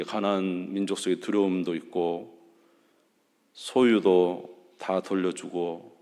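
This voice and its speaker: Low-voiced male pastor in a reverberant church. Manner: dramatic, acts out quoted dialogue with big jumps in pitch and loudness. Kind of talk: sermon. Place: church sanctuary. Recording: long church hall reverb.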